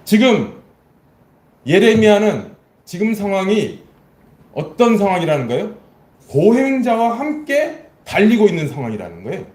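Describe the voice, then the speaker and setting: A man preaching a Sunday sermon as pastor, animated, asking his congregation questions and acting out lines in a spoken voice. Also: high-pitched, normal speed, long pauses, echoey room. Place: church sanctuary.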